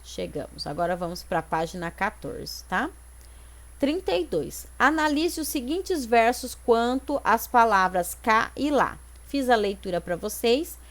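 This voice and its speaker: A woman's voice: on the high side, lively intonation, measured pace. A Brazilian woman teacher explaining exercises step by step in an online lesson, with frequent tag questions to check that her students follow. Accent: Brazilian Portuguese. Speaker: Portuguese teacher.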